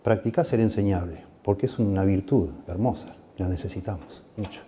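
A man's voice: a little fast, mellow, a little hiss or hum. A middle-aged man with a Rioplatense Spanish accent preaching a sermon, earnest and pleading, his voice rising for emphasis. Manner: earnest, pleading, rises in pitch and volume for emphasis. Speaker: pastor.

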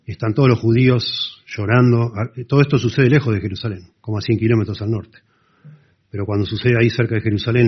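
A man preaching a sermon, explaining scripture earnestly and dropping to soft emphasis. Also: on the low side, breathy edge. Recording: dull lo-fi sound.

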